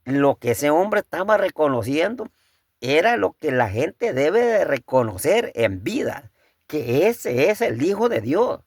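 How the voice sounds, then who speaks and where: Gravelly man preaching in halting talk. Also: fairly high pitch, very animated, dry recording, studio quality. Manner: conversational preaching, addressing listeners as brother, rhetorical questions; halting, repeats words as he thinks. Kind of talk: sermon.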